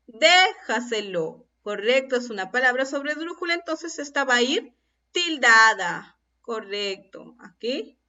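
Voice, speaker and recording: Slow, bright-voiced woman teacher, distant and dull. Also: sits high. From Peru. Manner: slow and deliberate, stretching out example words and syllables; asks the class questions and answers them herself. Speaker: primary school teacher. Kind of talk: recorded grammar lesson for children.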